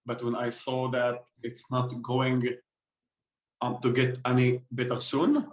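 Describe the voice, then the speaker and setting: An Israeli-born man who grew up speaking talks in a podcast interview. His pitch stays narrow and level while he presses his points, doubling back over words as he finds them. The sound carries a noticeable room echo. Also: monotone, slow. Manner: emphatic, repeats words while searching for them. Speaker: guest. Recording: roomy echo.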